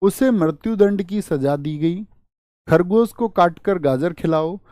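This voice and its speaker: A man's voice: sits high, unhurried, dark tone, no echo, clean studio sound. A male teacher running an exam-prep lesson, drilling students with repeated rhetorical questions. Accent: Hindi.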